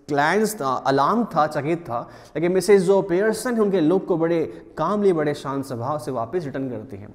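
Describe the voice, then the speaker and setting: Teacher mixing Hindi and English. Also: male voice, a little high, a little mellow, in a large hall. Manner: slow, drawn-out reading of the English lines, then a quick gloss in Hindi. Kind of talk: reading a play aloud and explaining it line by line.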